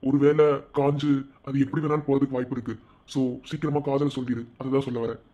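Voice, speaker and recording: A man's voice: mid-range voice, level tone, fast, dark tone, lo-fi sound, lightly acted. A man voicing a cheeky young male college student in a cartoon, with a Madurai Tamil accent and joking banter. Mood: earnest. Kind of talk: cartoon voice acting.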